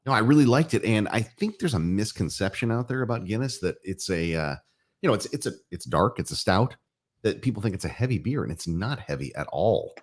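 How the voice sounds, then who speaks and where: Deep-voiced rambling man. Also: animated, fairly quick, husky. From Florida. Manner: easygoing, rambling, many restarts. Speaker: co-host. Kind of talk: casual chat.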